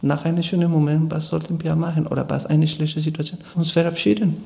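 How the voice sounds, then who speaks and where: Man, Spanish speaker, gravelly voice, halting radio interview guest. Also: fairly high pitch, steady tone, warm tone. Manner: hesitant, searching for words with restarts. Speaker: guest, Spanish course teacher.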